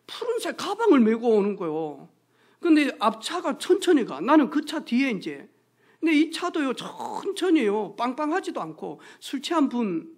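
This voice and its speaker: A pastor preaching a sermon, telling stories with acted-out quotes and hushed asides. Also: medium pitch. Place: church sanctuary.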